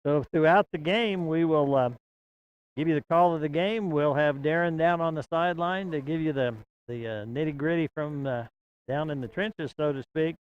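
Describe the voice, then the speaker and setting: A man calling a local high school football game, folksy and chatty, getting excited on big plays. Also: normal speed, clean tone, muffled recording. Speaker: play-by-play announcer. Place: outdoor broadcast stand at a football field.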